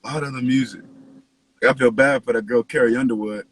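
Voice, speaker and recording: Husky-voiced man, casual slangy host. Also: medium pitch, fairly even intonation, quick pace. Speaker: podcast host, interviewer. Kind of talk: casual chat, slangy and profane.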